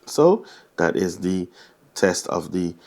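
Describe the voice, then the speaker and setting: A man testing his wireless clip-on mic, talking in a casual, halting way with many restarts, his voice run through noise reduction processing. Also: deep voice, sing-song, a little mellow, no echo. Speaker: gear reviewer. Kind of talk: casual product test vlog.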